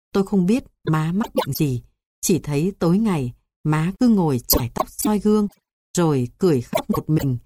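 Woman, memoir reading, measured and sorrowful, lowish voice, noisy recording. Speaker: narrator.

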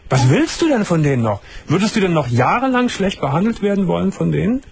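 A male radio host in a late-night call-in with a raspy, breathy voice that rises and falls a lot. He probes the caller gently but cuts in firmly when he wants to speak, with steady murmurs of agreement in between. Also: high voice, fast talker. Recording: radio broadcast studio mic.

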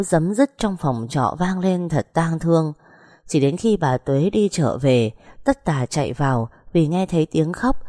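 Female storybook narrator, low and mellow, soft and measured. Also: no room sound, studio quality.

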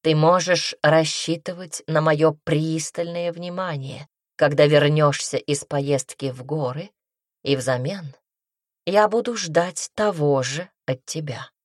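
Smug fanged king, purring and slow, very low pitch, read by a woman. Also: no room sound, studio quality. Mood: commanding. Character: smug seductive male king, fanged, commanding.

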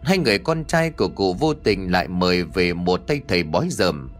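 Expressive male storyteller, lively pitch. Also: brisk. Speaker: narrator. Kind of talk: audiobook horror narration. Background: faint music.

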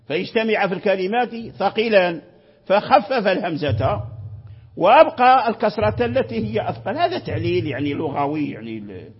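A man's voice: fairly high pitch, slightly rough, muffled recording. A man teaching Quranic readings in a classroom lecture, repeating phrases and checking that his students understand.

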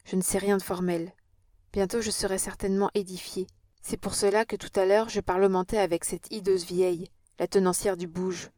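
A woman's voice: medium pitch, fairly even intonation, normal speed, mellow, no room sound, studio quality, lightly acted. A woman reading an audiobook and voicing an impassioned young Parisian woman with an earnest, dramatic manner.

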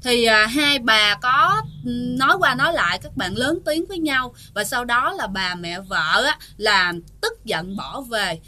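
A woman's voice: fairly high pitch, lively intonation, a little slow, few pauses, pushed and bright. A woman casually telling a ghost story, chatting to her listeners with many fillers.

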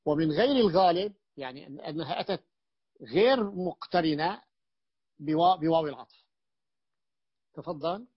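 A man with a fairly high voice teaches a grammar class, quizzing his students and circling back over each point with stop-start phrasing. The recording is dull and muffled, and the room is dry and close. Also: slightly rough, dry recording. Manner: questions the class and repeats points with halting restarts.

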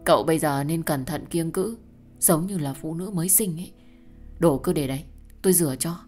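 A woman's voice: sits low, a little fast, faint music behind. A woman voicing a kind young doctor friend who coaxes a patient to eat and rest, in an audio story. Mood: insistent. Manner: warm, coaxing, insistent.

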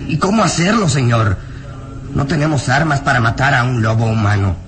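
In a melodramatic radio drama, a male actor with a medium-pitched, expressive, natural voice plays a burly peasant villager who is frightened and bitter. His horrified delivery is anguished, emphatic and halting, with background noise present.

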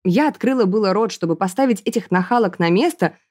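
A woman narrating a first-person fantasy audiobook in a lively, expressive way. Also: medium pitch, quick pace.

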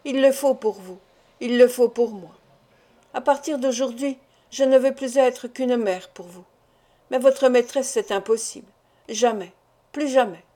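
A woman's voice: fairly high pitch, a little slow, warm tone, close to an everyday voice. A woman reading the part of an anguished middle-aged mother, pleading with impassioned, tearful words in an audiobook.

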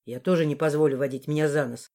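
A woman voicing a gruff, curt male boss. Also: steady tone, quick pace, mellow. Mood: bitter. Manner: curt, growling, lowered voice. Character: gruff blond male boss, head of secret police.

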